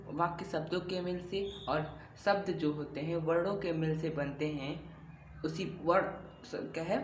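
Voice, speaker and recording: A man teaching a grammar lesson, explaining slowly and repeating himself, often asking a question before he answers it. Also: on the high side. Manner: slow, repetitive explaining with rhetorical questions. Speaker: Hindi teacher. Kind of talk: classroom-style grammar lesson. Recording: echoey room with faint background hum.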